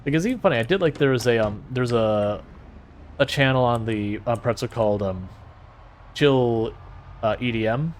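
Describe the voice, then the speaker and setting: Relaxed and rambling, a man streaming games talks with his viewers in a soothing voice, often beginning sentences again. He speaks at medium pitch and normal speed over slight background noise.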